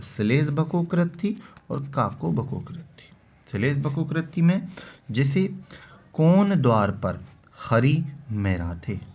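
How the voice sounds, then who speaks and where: Guy teaching a lesson slow and steady, asks himself questions then answers em, kinda dull lo-fi audio. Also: medium pitch. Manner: explains slowly, quotes verse examples in a drawn-out recital; repeats key terms, asks and answers his own questions. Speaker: Hindi grammar teacher. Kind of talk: classroom-style lesson. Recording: dull lo-fi sound with faint background noise.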